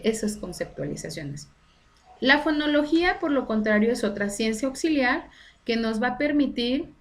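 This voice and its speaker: A woman teacher talking through a lesson for an online class. She explains patiently, one point at a time, and keeps checking in with her students with short questions. Her voice sits at an ordinary middle pitch. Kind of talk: recorded online class lecture.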